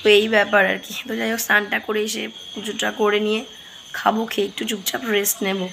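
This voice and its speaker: A hoarse woman, chatting through her day at home as she cooks. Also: medium pitch, flat delivery, fast, fairly bright tone, a little hiss or hum, rough recording. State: hoarse, straining to speak. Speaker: vlogger. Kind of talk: casual daily vlog narration. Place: home kitchen.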